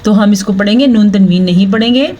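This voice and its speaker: A woman teaching Quran recitation rules step by step. She explains each rule patiently, checks in often, then chants the Arabic words slowly. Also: mid-range voice, mellow, muffled recording. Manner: checks in with "thik hai" often. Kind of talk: slow, step-by-step tajweed lesson.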